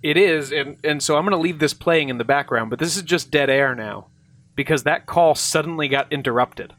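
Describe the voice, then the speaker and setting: A man's voice: a little high, fairly quick, fairly bright tone, dry recording. A man co-hosting a podcast, making wry jokes while commenting on an old radio clip. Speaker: podcast co-host. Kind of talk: casual commentary on an archive recording.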